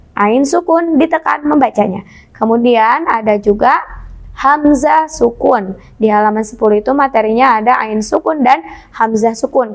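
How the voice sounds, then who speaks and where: An Indonesian woman teaching Quran reading to children, patient and encouraging, drawing out Arabic recitation slowly. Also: fairly high pitch.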